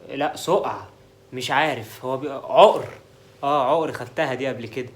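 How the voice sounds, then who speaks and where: A man's voice: mid-range voice, moderate pace, natural voice. An actor with an Egyptian accent playing a boastful, joking con-man lawyer in a comedy sketch. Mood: bragging. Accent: Egyptian Arabic. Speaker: con-artist lawyer named Adel.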